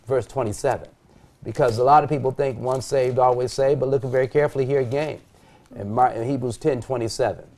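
Man, middle-aged, pastor, reads scripture, rhetorical questions, mellow dark tone, TV studio. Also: medium pitch. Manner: reads scripture aloud, poses rhetorical questions and answers them. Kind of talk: Bible teaching on a TV panel. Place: TV studio set at a desk.

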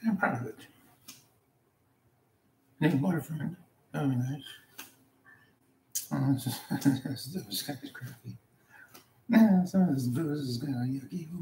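A woman's voice: extremely low pitch, creaky, dark tone, slight background noise. A woman talking casually in a rambling home vlog, chuckling often as she lies down at home. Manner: chuckles often, loose and meandering. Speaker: vlogger and karaoke singer. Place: at home, lying down. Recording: roomy home recording with faint ambience.

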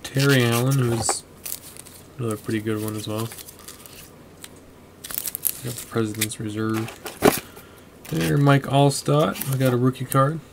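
A man's voice: mid-range voice, measured pace, creaky, pauses often, noisy background. A man casually narrating while he sorts through a box of collectibles at his desk, chatty and muttering as he goes. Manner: chatty, muttering names as he flips through cards. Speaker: card collector vlogger. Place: desk at home, indoors.

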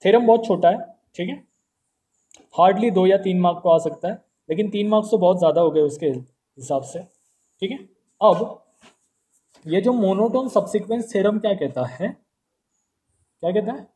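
A man giving a math lecture, explaining step by step and asking and answering his own questions. He states each theorem slowly and deliberately. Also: sits high, dark tone, a little hiss or hum. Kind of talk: classroom math lecture, Hindi mixed with English.

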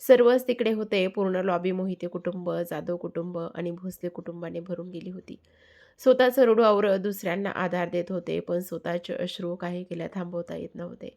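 A woman tells an emotional family story in a low voice. Her tone stays level, with little rise or fall, and she reads softly and unhurriedly, pausing now and then. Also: fairly even intonation, creaky.

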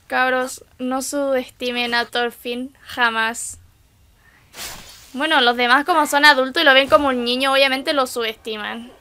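A woman's voice: sits high, steady tone, a little slow, bright, forceful tone, clean tone. A young woman with a Chilean accent giving casual reaction commentary as an anime reaction host, exclaiming and making sympathetic asides to her viewers. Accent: Chilean Spanish.

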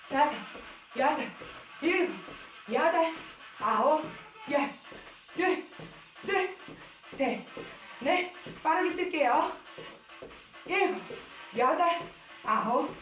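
High-pitched woman counting out workout reps. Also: lively intonation, slow pace, long pauses, fairly bright tone. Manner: counts reps aloud with short, clipped commands; audible exhaling between counts. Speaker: home workout instructor. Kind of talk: workout coaching with rep counting. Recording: roomy echo with music behind. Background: music.

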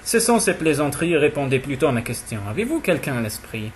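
A man reading as a young duke, wry and gently chiding toward his wife, in a lowered, calm voice. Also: quick pace, a little hiss or hum. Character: amused young duke, fond husband. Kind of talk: audiobook character voice.

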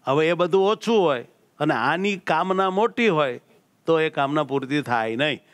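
A man's voice: on the high side, lively intonation, normal speed, no room sound. A man with a Gujarati accent, a swami giving a scripture discourse to a temple assembly, preaching emphatically and repeating key phrases. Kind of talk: sermon.

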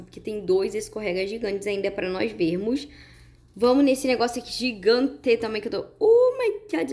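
A woman with a Brazilian Portuguese accent giving chatty, excited gameplay commentary to her viewers. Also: fairly high pitch. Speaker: gaming YouTuber.

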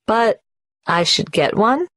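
A woman playing a tax number applicant in a scripted exam listening dialogue, speaking in a measured, careful way. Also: medium pitch, expressive, no room sound, studio quality.

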